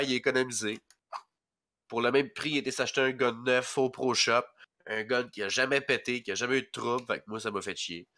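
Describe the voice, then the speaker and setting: This young man from rural Quebec speaks in a mid-range, bright, forceful voice with a Québécois French accent, stuffy from a head cold. He's a podcast guest chatting casually, rambling and hesitating through plenty of fillers.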